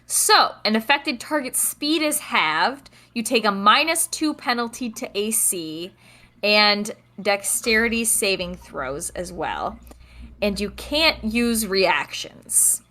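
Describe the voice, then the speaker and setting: A woman's voice: mid-range voice, lively intonation, slow pace, bright, forceful tone. A woman narrating as game master in a casual tabletop session, laughing and humming while she checks the rules.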